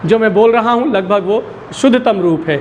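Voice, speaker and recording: A man's voice: high-pitched, normal speed, muffled recording, a little hiss or hum. A man teaching a Hindi lesson to a school class, patiently asking questions and repeating the key words. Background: children in the classroom.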